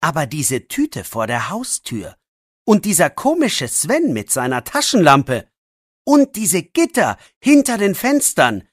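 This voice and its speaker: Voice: medium pitch, wildly swooping pitch, slow, dry recording, clean studio sound, heavily acted. A narrator voicing a defensive young teenage boy who argues back in a learner's audiobook. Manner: defensive, pleading. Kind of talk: audiobook role voice.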